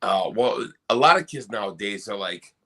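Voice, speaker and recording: A man's voice: lowish voice, expressive, moderate pace, creaky, a bit bright. A man on a comedy podcast, telling crude jokes and rambling in loose, casual banter.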